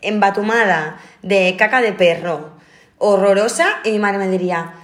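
A young adult woman co-hosts a casual podcast. She talks emphatically and teases her friends. Her pitch sits in the middle. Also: moderate pace. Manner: emphatic, teasing banter. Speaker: podcast co-host. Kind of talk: casual chat.

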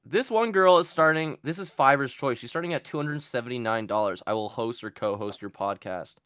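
A man hosting a podcast in casual chat, joking around and reading things aloud with quick asides. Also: mid-range voice, a bit bright, clean tone, no room sound, clean studio sound. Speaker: podcast host.

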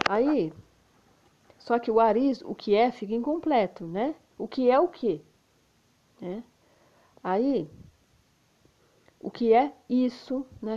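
Slow Brazilian woman teaching English. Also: on the high side, dark tone, dull audio. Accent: Brazilian Portuguese. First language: Portuguese. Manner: repeats "né?" often, models English phrases slowly. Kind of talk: slow explanatory lesson.

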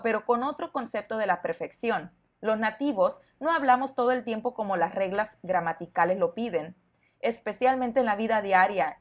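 A woman hosting a podcast lesson for learners, speaking clearly and encouragingly to the listener. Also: medium pitch. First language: Spanish. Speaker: Spanish teacher, podcast host.

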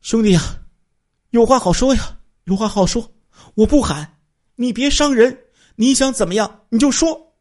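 A man's voice: extremely high pitch, moderate pace, darkish tone, voice pushed up. A man voicing a frightened woman business owner begging for her family. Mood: pleading.

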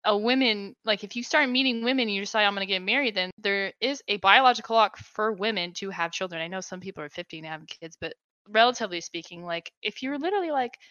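A woman chatting freely as a podcast guest, her voice bright and forward as it comes through an online voice call. The call audio is dull and lo-fi, with no room sound at all. She talks loosely and drops "like" into almost every thought. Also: mid-range voice, lively intonation, quick pace, no room sound. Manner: chatty, fills her talk with "like". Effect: voice heard over an online voice call. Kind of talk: casual chat. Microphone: computer mic on a voice call.

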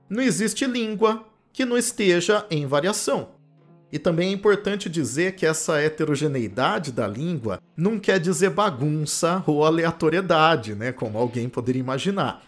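Lively Campinas-accented man lecturing. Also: fairly high pitch. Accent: Campinas interior São Paulo, retroflex caipira R. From Campinas, interior of São Paulo state, Brazil. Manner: animated and explanatory, often adds "né?" tags. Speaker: linguistics professor and podcast host. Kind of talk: explanatory podcast lecture. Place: home office.

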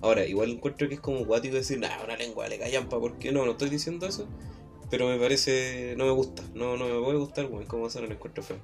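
A man with a Chilean accent chats casually in an easygoing, even-tempered, monotone voice full of slang. Faint guitar music plays underneath. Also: medium pitch, quick pace. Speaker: co-host. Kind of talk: casual podcast chat.

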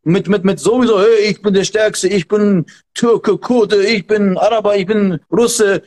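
This is passionate podcast talk from a male martial arts instructor who gives advice emphatically and says things more than once. He sits high in pitch, keeps a measured pace, and sounds a little mellow.

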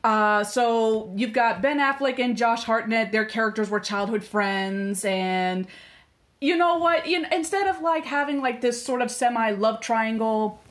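A woman co-hosts a podcast, casually chatting and rambling with plenty of fillers and restarts. Her voice is fairly high and unhurried.

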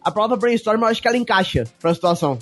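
A Brazilian Portuguese-speaking man co-hosting a podcast in quick, emphatic casual chat. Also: high voice, expressive, faint music behind. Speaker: podcast co-host.

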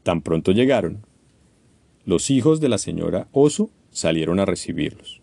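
A man reading a children's storybook aloud, expressive and animated. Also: low voice, normal speed, vocal fry, husky, dry recording.

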